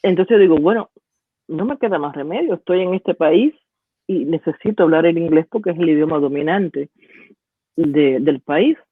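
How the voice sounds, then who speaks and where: A middle-aged Cuban woman with a Cuban Spanish accent, a professor speaking as an interview guest, thoughtful and halting with many restarts. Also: low-pitched, expressive, slightly rough, no echo. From Cuba. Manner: thoughtful, with frequent restarts and hesitations. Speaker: guest, university professor and poet. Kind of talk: reflective storytelling interview. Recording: tinny phone-like dry line.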